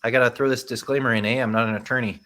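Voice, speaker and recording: A man's voice: medium pitch, fairly even intonation, very fast, pushed and bright, lightly acted. A man putting on a mock Canadian accent to play an apologetic Canadian man, overdoing the "sorry" and "eh". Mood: jokey.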